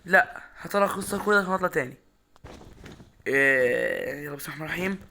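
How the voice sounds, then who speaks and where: A young man with an Egyptian Arabic accent commentating his own Minecraft run, excitable, talking straight to his viewers and repeating words in bursts. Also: a little high, very fast, creaky, slight background noise. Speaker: gaming YouTuber.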